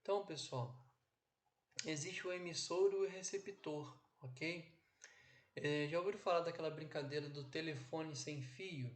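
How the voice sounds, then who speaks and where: A man teaching an online course from his home office, with a didactic delivery that keeps checking in with "ok?" and "né?". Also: a little high. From Brazil. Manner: didactic, drawn-out phrasing with frequent "ok?" and "né?". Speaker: instructor. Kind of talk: online lecture. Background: background noise.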